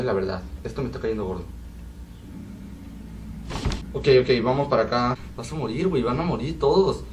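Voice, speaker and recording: A man's voice: medium pitch, a little mellow, recorded from a distance, low-quality recording. Young man, Mexican accent, casual gameplay chatter, set back from the mic, faint background hiss. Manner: rambling, joking, exclaims at the game. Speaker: gaming video creator.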